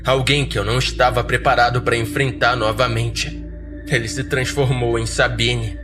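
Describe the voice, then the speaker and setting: A Brazilian podcast storyteller tells first-person horror fiction in an upper-middle male pitch. His flat delivery is dry and measured, with music clearly audible underneath.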